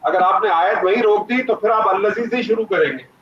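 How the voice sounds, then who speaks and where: A man's voice: high-pitched, a loud crowd. A man teaching Arabic grammar in an online class, patiently questioning students by name. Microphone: video call. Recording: muffled echoey online call audio.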